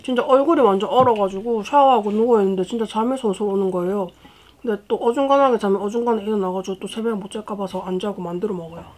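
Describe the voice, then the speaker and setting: A woman's voice: mid-range voice, rapid-fire, a little mellow. A woman food vlogger chatting casually with her mouth full, chewing as she talks. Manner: chatty, rambling with food reviews. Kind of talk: casual mukbang vlog chat. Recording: noisy background ambience.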